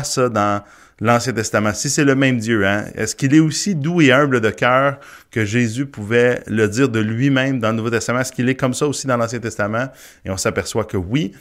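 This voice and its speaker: A man's voice: mid-range voice, fairly bright tone. A man giving a morning Bible teaching, talking it through with many fillers and restarts. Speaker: pastor.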